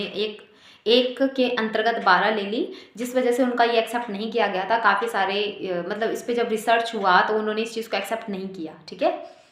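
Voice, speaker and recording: A woman's voice: on the high side, a bit bright, roomy sound. A woman music teacher explaining exam material step by step, reciting note names in sequence. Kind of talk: exam-prep music lesson.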